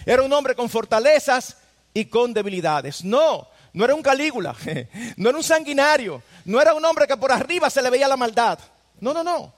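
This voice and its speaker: High-voiced man preaching in a reverberant hall. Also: animated, normal speed. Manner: earnest, addresses listeners directly with rhetorical questions. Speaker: pastor. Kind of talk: sermon.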